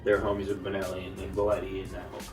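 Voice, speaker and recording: A man in his thirties from Italy, an art collector and gallery owner, talking in a casual, halting way and often saying "you know". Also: low voice, completely flat delivery. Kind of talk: casual interview monologue. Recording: roomy sound from a distant mic with faint music.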